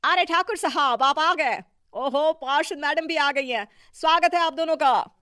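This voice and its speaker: Woman voicing a high, bright, fawning townsperson. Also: measured pace, no room sound, studio quality. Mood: welcoming. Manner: fawning, exclamatory. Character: deferential, flattering townsperson in a cartoon. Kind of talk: Hindi cartoon story dialogue.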